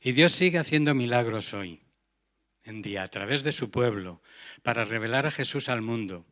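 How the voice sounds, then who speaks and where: A man's voice: medium pitch, lively intonation, normal speed, a bit bright. Earnest male preacher. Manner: earnest, rhetorical questions to the congregation. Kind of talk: sermon.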